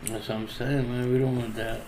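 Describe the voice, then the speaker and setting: A man's voice: medium pitch, level tone, brisk, a little mellow. Casual streetwise man in an echoey space. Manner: loose, streetwise talk, frequent "man" and "you know". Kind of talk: casual chat with friends, heavy slang and swearing. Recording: roomy echo, faint background noise.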